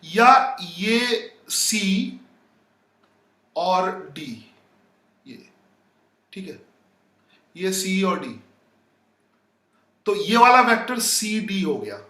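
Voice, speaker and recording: A man's voice: high-pitched, big pitch swings, drawn-out words, pauses often, pushed and bright, roomy sound, far from the mic. A man teaching a physics lesson live. He talks to his students casually and breaks off to read their comments. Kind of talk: live online lecture.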